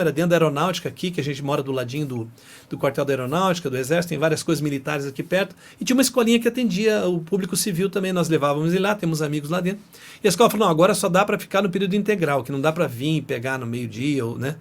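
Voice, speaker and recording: A man's voice: on the high side, rapid-fire. A middle-aged Brazilian man with a Brazilian Portuguese accent, a guest in an interview who chats and tells stories, often tagging his sentences with "né". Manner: chatty, often tags phrases with "né". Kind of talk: casual interview storytelling.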